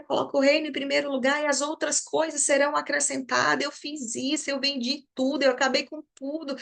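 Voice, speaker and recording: A Brazilian woman, an online therapist, giving a personal testimony in a class and acting out her past prayers and conversations. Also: high-pitched. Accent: Brazilian Portuguese. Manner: storytelling, animated, acts out her own past prayers and dialogues. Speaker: online therapist and community teacher.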